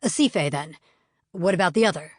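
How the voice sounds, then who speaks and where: A woman voicing a gruff, condescending male government agent in an audiobook, questioning brusquely. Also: on the low side, animated, a little fast, no room sound, studio quality. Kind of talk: audiobook character voice.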